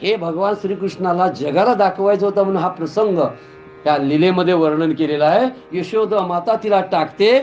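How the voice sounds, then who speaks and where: A man preaching a devotional story sermon in a temple, animated and full of rhetorical questions. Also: high voice, normal speed, lo-fi sound, soft background music. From Kolhapur, Maharashtra. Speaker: Bhagavat katha preacher. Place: temple gathering.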